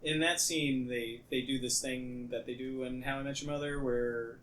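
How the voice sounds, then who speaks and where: A man co-hosting a podcast, chatting casually and making dry, deadpan asides. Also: mid-range voice, normal speed. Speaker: podcast co-host. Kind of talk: casual chat.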